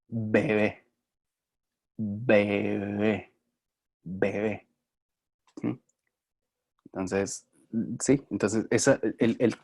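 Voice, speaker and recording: Male teacher, low voice, casual lecturing, hesitant with fillers, turns to the students with questions. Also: darkish tone, slightly rough. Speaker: phonetics teacher. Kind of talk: recorded lecture.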